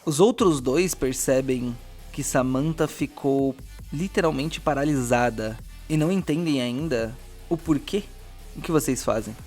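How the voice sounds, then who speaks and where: A Brazilian game master narrates a tabletop game in a deliberate, theatrical storytelling style. His voice is mid-range with a darkish tone, and soft music plays in the background.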